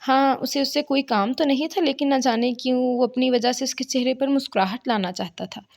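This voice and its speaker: A woman reading a romance novel aloud as narrator, in an expressive storytelling manner. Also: high voice, creaky.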